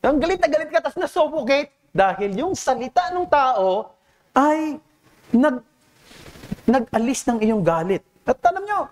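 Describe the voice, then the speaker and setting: A man's voice: very high-pitched, very animated, measured pace, darkish tone. A man with a Filipino accent preaching a sermon as pastor. He mixes Tagalog and English and keeps asking the congregation rhetorical questions in an earnest, teacherly way. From Philippines.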